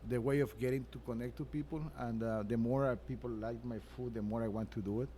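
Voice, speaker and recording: A man from Venezuela, a chef being interviewed at his restaurant, speaking earnestly and haltingly with many restarts. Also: medium pitch, steady tone, warm tone, slight background noise. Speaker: chef and restaurant owner, guest. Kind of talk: interview answers.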